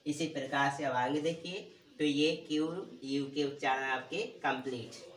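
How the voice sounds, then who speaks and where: A male teacher giving a pronunciation lesson, asking questions and answering them himself and repeating words slowly. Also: medium pitch, steady tone, fairly bright tone, distant mic, slight background noise. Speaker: English teacher. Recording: roomy echo, voice from off the mic.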